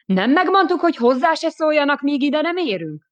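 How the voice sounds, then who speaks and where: A woman's voice: medium pitch, muffled recording, close to an everyday voice. A woman reading an audiobook, voicing a brash male agent with a blunt, snappy manner.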